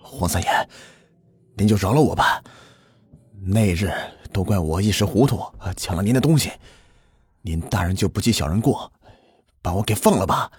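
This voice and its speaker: A man voicing a poor hunter in a folk ghost story, speaking low and quietly as he pleads. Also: big pitch swings, moderate pace, husky, no room sound. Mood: pleading. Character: poor desperate male hunter, a family man.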